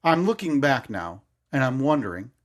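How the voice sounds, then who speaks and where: A man's voice: medium pitch, sing-song, moderate pace. A man in his thirties, co-hosting a podcast, telling a story in a rambling, hesitant way with lots of self-corrections. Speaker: podcast co-host. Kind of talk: casual storytelling chat.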